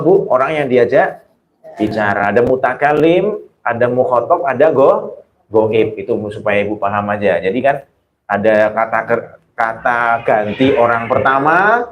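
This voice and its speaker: A man's voice: a little hiss or hum, poor audio. A man teaching Quran exegesis to a women's study group, explaining Arabic terms and quizzing his listeners with questions. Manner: acts out exaggerated exclamations with rising pitch. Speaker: Islamic religious teacher.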